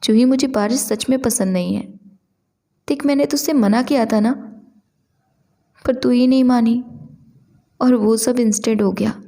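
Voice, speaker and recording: A woman's voice: a little high, a little slow, long pauses, mellow, pitched above the performer's own voice. Woman voicing a flustered young heroine. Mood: pleading. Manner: pleading, exasperated.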